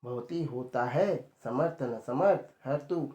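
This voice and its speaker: Man, teacher, slow word-by-word explaining, echoey room. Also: medium pitch, warm tone, muffled recording. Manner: slow, reads a line then explains it word by word. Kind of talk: line-by-line Sanskrit lesson explained in Hindi.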